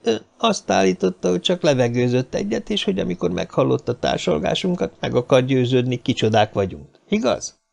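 A man voicing a big, stern man who questions a suspect in a quiet, toneless voice, in an audiobook reading. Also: mid-range voice, sing-song, vocal fry, pitched above the performer's own voice, full character voice. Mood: cold. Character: stern large man interrogating, calm.

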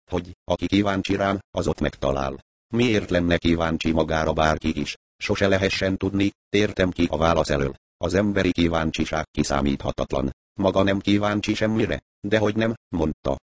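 A man narrating a novel as an audiobook reader, in a calm, steady storytelling manner. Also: low-pitched, no room sound. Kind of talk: scripted narration.

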